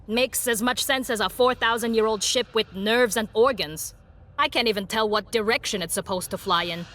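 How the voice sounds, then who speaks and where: Casting note: a curious, uneasy female space marine for a game, slightly higher voice, thinking aloud. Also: a bit bright. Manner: musing, speculative. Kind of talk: video game cutscene dialogue.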